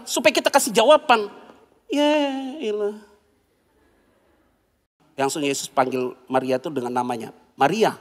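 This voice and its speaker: A male pastor preaching a sermon, animated, acting out quoted voices and dropping slangy asides. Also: high voice, in a large hall.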